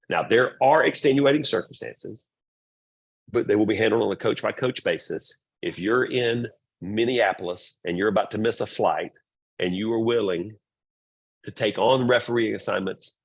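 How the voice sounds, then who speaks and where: Middle-aged man, husky, lowish voice, blunt, repetitive, parent orientation talk. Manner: blunt, repetitive, animated with quoted asides. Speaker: volleyball club presenter.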